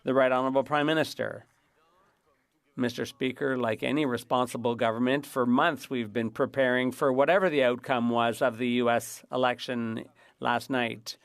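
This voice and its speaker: A man interpreting formal parliamentary debate live, in somewhat halting phrases. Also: mid-range voice, fairly even intonation, no room sound.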